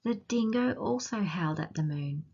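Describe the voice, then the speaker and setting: A woman with an Australian accent reading a picture book aloud to children and asking them gentle, teacherly questions along the way. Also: fairly low pitch, animated, moderate pace, vocal fry, husky, muffled recording. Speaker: children's storytime reader.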